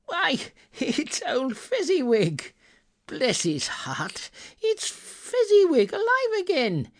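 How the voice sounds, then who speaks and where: A man voicing an excitable, sentimental old man in a storybook reading, exclamatory and wistful. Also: very high voice, slow, creaky, husky, pitched above the performer's own voice, heavily acted. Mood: excited delight.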